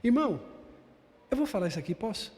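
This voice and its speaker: A man's voice: high-pitched, big pitch swings, fast, a little mellow, long reverb tail, a little hiss or hum. A man preaching a sermon as a bishop, pressing his points with emphatic repetition and calling the congregation brother. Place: large church hall.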